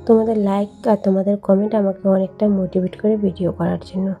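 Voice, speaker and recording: A woman vlogger with a cold, speaking hoarsely and quietly in a chatty, rambling late-night voice-over. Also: mid-range voice, fairly even intonation, fast talker, lo-fi sound, faint music behind. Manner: speaking softly and hushed.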